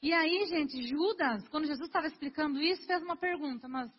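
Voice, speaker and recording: A young woman with a high, brisk voice preaches a sermon in a church hall, speaking earnestly and conversationally straight to her congregation. The recording sounds dull and lo-fi, with a long reverb trailing through the hall.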